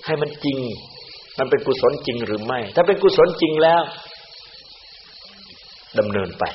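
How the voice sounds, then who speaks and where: Male monk preacher, lively delivery, recorded dull with a faint hiss. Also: medium pitch, moderate pace, reverberant. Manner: animated, acts out other people's words in quoted voices. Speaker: Buddhist monk. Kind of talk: Dhamma sermon.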